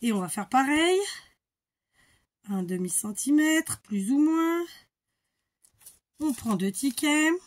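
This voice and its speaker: A middle-aged woman from the Paris region in France chats her way through a crafting tutorial, rambling with many fillers and restarts. Her high-pitched voice is animated yet slow, and she pauses often.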